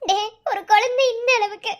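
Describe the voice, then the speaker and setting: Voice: extremely high pitch, steady tone, moderate pace. A performer voicing a guilt-ridden young mother in a cartoon, pleading and sobbing on the phone. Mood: distraught. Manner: pleading, sobbing and repeating his name. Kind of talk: cartoon voice acting.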